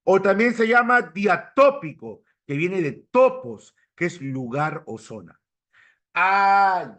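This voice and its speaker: Male teacher, high voice, very animated, unhurried delivery, keeps checking on the class. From Peru. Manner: asks the class for confirmation, mimics regional accents. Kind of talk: lively classroom lecture.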